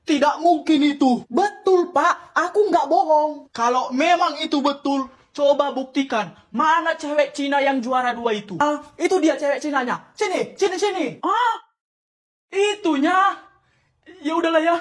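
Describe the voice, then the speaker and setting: A woman performing a comic sketch, switching between exaggerated, shouty village characters. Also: high voice, normal speed, natural voice. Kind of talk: comic sketch with many voices.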